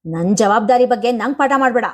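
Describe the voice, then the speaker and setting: A proud young husband, quick to anger, his voice rising sharply as he argues about money, read by a woman telling a family story. He sounds bitter and wounded in his pride, and his lines come out high and pushed. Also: a little mellow, close to an everyday voice. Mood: angry. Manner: raised, resentful voice.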